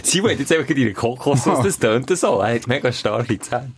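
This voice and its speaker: A man's voice: mid-range voice, lively intonation, normal speed, background noise. A man with a Swiss German accent co-hosting a podcast in casual chat, joking and teasing. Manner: joking, teasing, laughs often. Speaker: podcast co-host.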